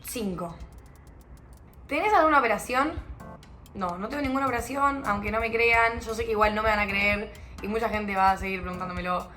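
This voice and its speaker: Young woman, Rioplatense Argentine accent, bright and slangy, casual self-mocking vlog chat over faint music. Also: mid-range voice, brisk. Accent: Rioplatense Argentine Spanish. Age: young adult. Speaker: vlogger.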